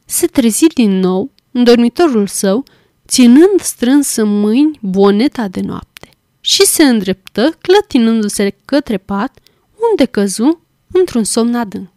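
A woman narrating a classic storybook in a measured, clear way, her voice slightly high. The sound is dry and close, with no room around it. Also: animated, mellow, no echo. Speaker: volunteer audiobook reader. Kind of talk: scripted audiobook narration.

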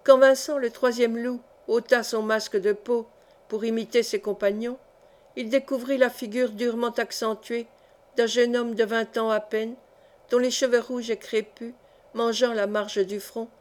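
A woman narrating a historical novel as an audiobook reader, in a measured, even storytelling voice. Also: fairly high pitch.

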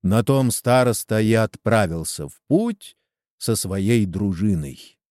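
A man's voice: on the low side, expressive, slow, a little mellow, no room sound, studio quality. A man reading a story aloud expressively, voicing each character. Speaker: narrator.

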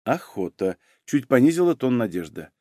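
Expressive male audiobook narrator. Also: mid-range voice, brisk, no echo, clean studio sound. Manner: expressive reading. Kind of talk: scripted narration.

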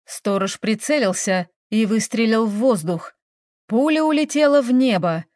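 A woman narrating a village story in an expressive reading voice. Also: a little high, no room sound, clean studio sound.

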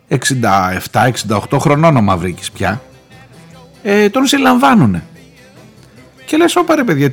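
Male radio host, chatty storyteller, lively swooping pitch, faint music underneath. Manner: chatty storytelling with joking asides. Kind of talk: casual current-affairs commentary.

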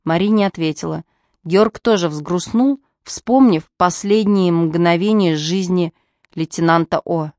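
A woman narrating a humorous audiobook with lively, wry storytelling. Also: on the low side, measured pace, no echo, studio quality.

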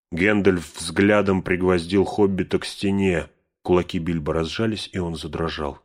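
A man reading a fantasy story aloud as narrator in an even storytelling delivery. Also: deep voice. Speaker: audiobook reader. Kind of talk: scripted narration.

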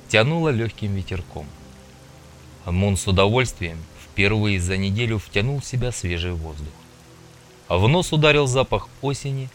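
A man narrating an audiobook in a lively, expressive read. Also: lowish voice. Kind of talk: scripted narration.

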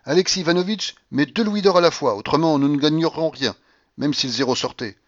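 A man reading a novel aloud, voicing an imperious, feverish old grandmother at the roulette table in a shrill, commanding voice. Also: a little fast, highs cut off, natural voice.

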